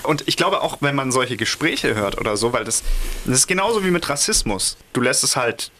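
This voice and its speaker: Lively, bright-voiced man joking around. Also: mid-range voice, a little fast, slight background noise. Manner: animated, joking, acts out quotes. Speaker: podcast co-host. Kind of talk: casual chat.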